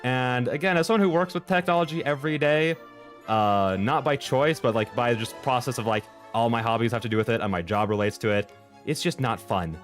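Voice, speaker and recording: A man streamer chatting casually in a rambling, expressive way, with exaggerated exasperation. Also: medium pitch, brisk. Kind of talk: casual livestream chat. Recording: music playing behind the voice. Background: background music.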